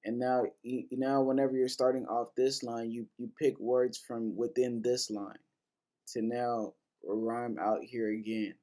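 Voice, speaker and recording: A man talks through rap lyrics in a relaxed, informal lesson. His voice is mellow and warm, neither high nor low. He wanders with fillers and restarts and swears casually as he explains. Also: unhurried. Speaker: host breaking down rap lyrics.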